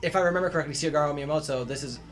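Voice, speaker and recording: A man co-hosting a casual video game chat, excitable and stammering, full of jokes. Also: on the high side, racing, faint music behind. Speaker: co-host of a gaming channel.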